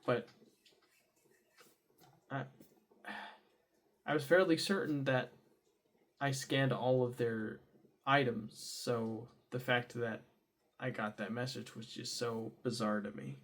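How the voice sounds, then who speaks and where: A young man talking casually in a diary vlog, rambling with many fillers and restarts, sometimes bursting into loud high exclamations. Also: fairly even intonation, takes it slowly, long pauses. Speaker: vlogger.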